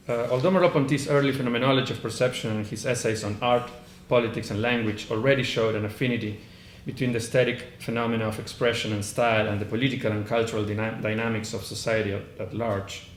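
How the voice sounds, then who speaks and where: A conference panelist with a heavy Argentine accent and a steady, mid-range voice reads an academic paper from notes, speaking fast with few pauses yet hesitant, with frequent "uh" fillers and false starts. The conference room is echoey, with faint background noise.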